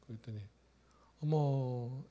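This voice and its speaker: A male pastor in his forties preaching a sermon, telling stories, swinging from loud exclamations to hushed asides. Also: medium pitch, takes it slowly. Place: church sanctuary.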